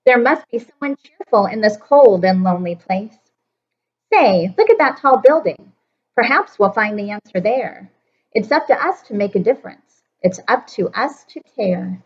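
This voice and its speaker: A woman's voice: mid-range voice, animated, normal speed, muffled recording, lightly acted. A woman voicing a cheerful, determined male court jester in a rhyming storybook, in a near-natural voice. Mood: earnest. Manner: rhyming storybook speech, earnest.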